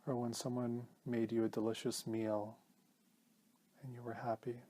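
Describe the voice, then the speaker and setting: The clip features a man leading a guided meditation in a teacher's role. His delivery is measured and peaceful, with gentle pauses, in a mid-range voice.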